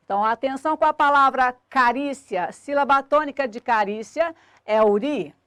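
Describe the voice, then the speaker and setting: A woman teaching a recorded grammar lesson, slowly spelling out syllables and word endings. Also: sits high, a bit bright, no echo. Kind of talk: recorded video lesson at a board.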